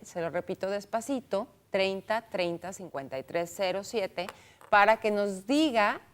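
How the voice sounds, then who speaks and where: A chatty woman hosts a cultural radio talk show, trading remarks with her co-host. She reads listener calls and votes aloud in a friendly, conversational way, speaking into a studio microphone. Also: mid-range voice.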